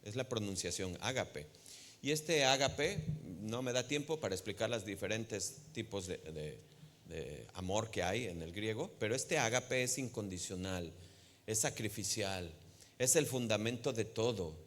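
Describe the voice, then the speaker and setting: A man's voice: lowish voice, lively intonation, measured pace, a bit bright. A man with a Mexican Spanish accent preaching a sermon, teaching and often asking the congregation questions. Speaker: pastor. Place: church. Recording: long hall reverb of a church.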